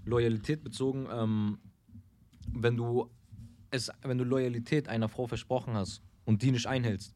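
A young man co-hosting a casual podcast chat, talking haltingly and repeating himself as he works out his point. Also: medium pitch, steady tone, a little mellow. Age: young adult. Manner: halting, restarts, repeats words.

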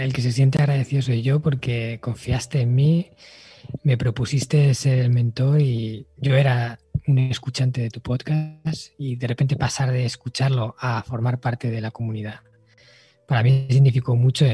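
Man, podcast guest, measured, mellow, husky. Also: medium pitch, fairly even intonation, faint music behind. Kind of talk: casual podcast conversation.

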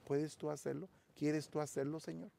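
A man's voice: a little high, level tone, moderate pace, vocal fry, mellow. A man preaching a sermon as a pastor, calling his listeners brother and building up emphasis.

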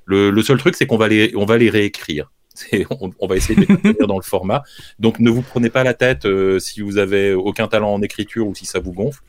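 A man's voice: on the low side, animated, fairly quick, no room sound. A man hosting a casual show, making spontaneous announcements in a hesitant way, repeating words as he goes. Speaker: show host.

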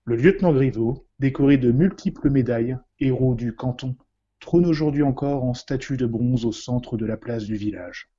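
A man's voice: mid-range voice, normal speed, warm tone, dull audio, a little hiss or hum. Man narrating mock-serious crime story. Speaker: comedy narrator.

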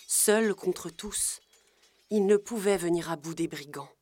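A woman reading a children's storybook aloud in a gentle, measured storytelling voice. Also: on the low side, a little hiss or hum. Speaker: narrator. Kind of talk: scripted storybook narration.

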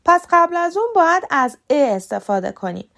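A woman hosting a podcast lesson, explaining English pronunciation in a clear, scripted way and slowing down to model example words. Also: very high-pitched, big pitch swings, a bit bright. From Iran.

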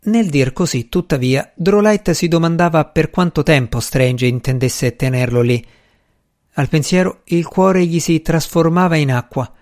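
A man's voice: fairly high pitch, measured pace, a little mellow. Man narrating an audiobook. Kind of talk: scripted narration.

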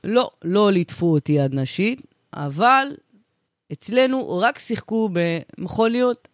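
Man playing a brash, high-pitched woman bus driver. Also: animated, no echo, clean studio sound. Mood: nostalgic, deadpan boasting. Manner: slangy, emphatic, swaggering. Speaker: bus driver character in comedic chat. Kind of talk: improvised comic character banter.

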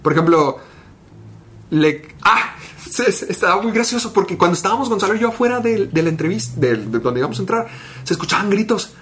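A young Mexican man, a podcast co-host, telling an anecdote in a lively, animated way and acting out the people he quotes. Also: high voice, a little fast, a little hiss or hum. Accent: Mexican Spanish. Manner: animated storyteller, acts out quotes. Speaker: podcast co-host, entertainment reporter.

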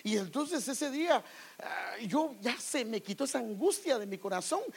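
Guatemalan guy preaching his testimony, husky voice, pitch jumping all over. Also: moderate pace. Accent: Guatemalan Spanish. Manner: animated, addresses listeners as brother. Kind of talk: testimony sermon.

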